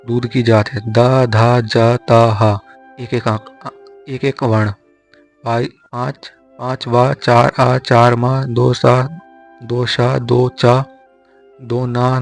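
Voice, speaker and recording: A young man tutoring for an exam, slowly drilling memory tricks syllable by syllable. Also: medium pitch. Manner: slow repetitive drilling of syllables. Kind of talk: explaining Hindi poetics mnemonics. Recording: faint music behind.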